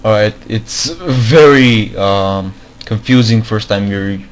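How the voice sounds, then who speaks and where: Slow and on the low side, this non-native English speaker talks through a screen-recorded game modding tutorial. His delivery is hesitant, full of fillers and repeated words.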